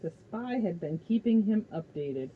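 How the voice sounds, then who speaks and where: A woman reading a novel aloud, steady with small slips. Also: mid-range voice, a little slow, narrow, tinny audio, slight background noise. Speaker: reader.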